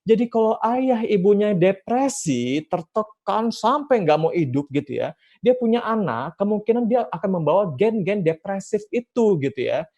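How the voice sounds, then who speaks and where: A man with an Indonesian accent and a slightly high voice gives a seminar talk to parents and teachers. He speaks with energy, keeps asking himself questions and then answering them, and now and then acts out little snatches of dialogue. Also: moderate pace. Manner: lively, emphatic, with rhetorical questions and acted-out quotes.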